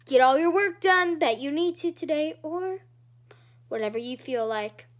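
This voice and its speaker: Upbeat woman reading school morning announcements, high voice, encouraging to students. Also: expressive, moderate pace.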